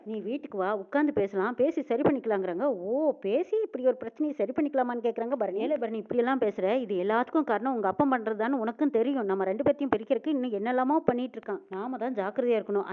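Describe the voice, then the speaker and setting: A woman retelling a TV serial, rattling off each character's lines herself and tagging every quote with "they said". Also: fairly high pitch. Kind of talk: fast retelling of a drama with quoted dialogue. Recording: tinny phone-quality audio.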